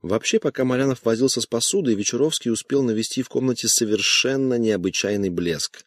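A man narrating an audiobook in an even, unhurried reading. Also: medium pitch, no echo.

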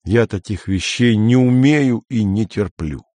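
Weary, clipped man in an audiobook, voiced by the male narrator; low and subdued, dry. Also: measured pace, a little mellow, no room sound, close to an everyday voice. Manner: low, tired and curt. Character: weary, curt grown man under strain.

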